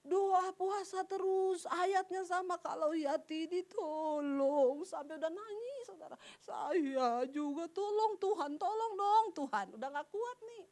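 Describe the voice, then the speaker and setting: High-voiced woman preaching animatedly. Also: measured pace, few pauses. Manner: animated, conversational preaching with rhetorical questions to the congregation. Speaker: evangelist preacher. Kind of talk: sermon.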